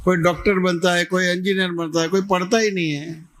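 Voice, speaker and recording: Guy doing satsang q&a, high bright voice, keeps asking if u got it. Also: level tone, brisk. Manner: patient, repetitive, keeps checking understanding. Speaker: spiritual teacher. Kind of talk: satsang question-and-answer teaching. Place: devotional gathering hall in Ahmedabad.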